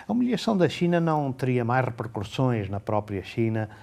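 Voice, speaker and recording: A man giving a measured spoken book review, slowing down to read passages aloud. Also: mid-range voice, big pitch swings, vocal fry, a little mellow. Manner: measured, reads excerpts slowly and deliberately.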